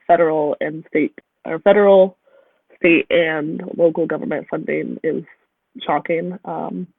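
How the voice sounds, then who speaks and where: A high-pitched man hosts a casual discussion, with plenty of "like" and "um" in his speech. His voice comes through thin and phone-like, dry with no room sound. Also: gravelly, no room sound. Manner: casual, uses many fillers like "um" and "like". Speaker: podcast host.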